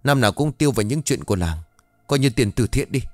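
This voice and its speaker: A man voicing a sharp-tongued young man in an audiobook who talks fast and scolds. His voice swings lively up and down. The sound is dry, with faint music behind. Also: mid-range voice, no room sound, close to an everyday voice. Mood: scolding. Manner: quick, scolding.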